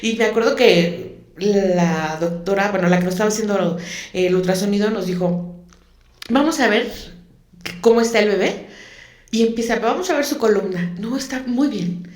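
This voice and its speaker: A woman's voice: medium pitch, normal speed, pauses often, a little mellow. A woman, a guest telling a personal story in an interview, emotional and repeating words for emphasis. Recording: echoey room.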